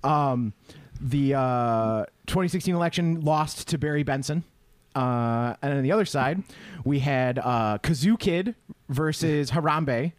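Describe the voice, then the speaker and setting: A man's voice: mid-range voice, measured pace, no echo. A young man co-hosting a casual podcast chat, rambling with restarts and breaking into laughter often. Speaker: podcast co-host.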